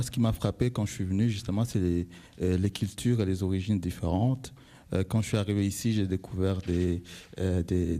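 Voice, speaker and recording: A man's voice: fairly low pitch, mellow. A young man from Congo talking as a radio guest, hesitant and full of fillers and restarts. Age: young adult. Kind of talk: radio panel discussion.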